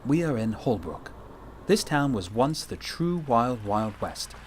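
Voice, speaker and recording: A man's voice: mid-range voice, very animated, a little slow, a little hiss or hum. A man voicing an easygoing dog that narrates a road trip, in a chatty, playful documentary narration. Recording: music underneath.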